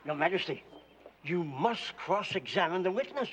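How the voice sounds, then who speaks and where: A man's voice: sits high, animated, moderate pace, fairly bright tone, dull audio, a little hiss or hum. A man playing a deferential, fussy royal court official in a theatrical comic fantasy drama.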